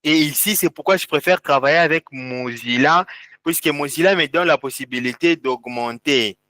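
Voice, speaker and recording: A man's voice: fairly high pitch, normal speed, bright, forceful tone. A man teaching a live online class, guiding students step by step through on-screen settings and repeating key words. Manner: repetitive, step-by-step pointing at screen. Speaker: instructor.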